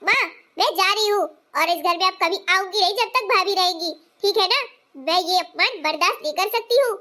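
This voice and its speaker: A woman's voice: extremely high pitch, normal speed, pushed and bright. A woman voicing a proud, touchy married daughter in a cartoon family story, who talks in an indignant, huffy way.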